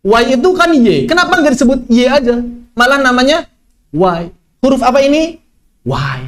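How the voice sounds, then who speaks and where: A man teaching an online tajwid lesson, lively, asking questions and answering them himself. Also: very high voice, moderate pace. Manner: lively, asks and answers his own questions. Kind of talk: online Quran recitation lesson.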